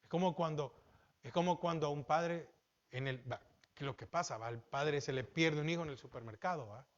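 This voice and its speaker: A man with a Salvadoran accent preaching a sermon as pastor, asking the congregation questions and swinging between emphatic peaks and low asides. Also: normal speed, lo-fi sound. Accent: Salvadoran Spanish.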